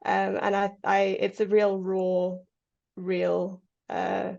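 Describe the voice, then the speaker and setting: A woman from Kenya speaks earnestly as an interviewed Parkinson's researcher, with a gravelly edge to her voice. She talks in halting runs full of fillers and restarts. The audio is dull and lo-fi, as over a video call. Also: medium pitch, completely flat delivery, darkish tone. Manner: earnest, many fillers and restarts, laughs often. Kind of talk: interview answers.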